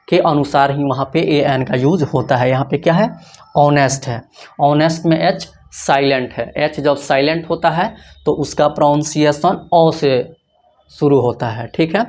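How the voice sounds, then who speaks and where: A teacher at mid pitch walks through grammar rules in a lecture. He poses a question to the class and answers it himself. He repeats each point slowly so it sinks in. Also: darkish tone. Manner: asks rhetorical questions and answers them himself. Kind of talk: Hindi-language grammar lecture.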